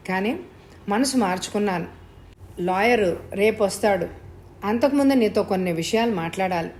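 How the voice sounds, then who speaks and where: A woman reads an older wealthy lady in an audio thriller, stern but fond, speaking in a confiding, earnest way at a middling pitch. A faint hiss sits under the voice. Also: normal speed, darkish tone, lightly acted.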